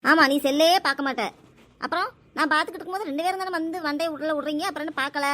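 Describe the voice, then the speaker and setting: A woman, playing a mother in a family skit who nags and scolds her children loudly. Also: high-pitched. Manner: scolding, nagging, loud and rapid.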